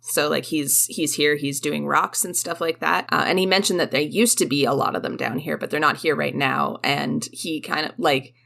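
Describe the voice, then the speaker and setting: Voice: medium pitch, fairly even intonation, normal speed, vocal fry, hardly any pauses, sharp tone. A game master running a tabletop game in a casual, hesitant way with many fillers.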